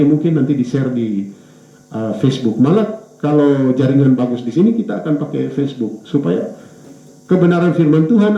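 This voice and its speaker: A male pastor preaching a sermon, pausing on fillers and correcting himself, his pitch rising and falling for emphasis. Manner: hesitant, with fillers and self-corrections; lively rise and fall in pitch for emphasis. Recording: echoey church room, dull lo-fi sound.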